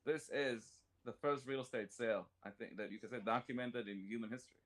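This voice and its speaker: A man's voice: mid-range voice, a little fast, fairly bright tone. A man hosting a casual Torah study chat, explaining step by step with jokes and everyday examples, and reading commentary aloud and translating it. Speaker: Torah class host.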